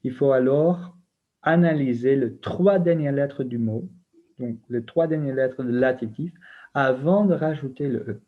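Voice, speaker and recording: A man's voice: mid-range voice, a little slow. A man teaching a recorded grammar lesson, patiently spelling out letters and rules one by one. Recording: muffled lo-fi recording.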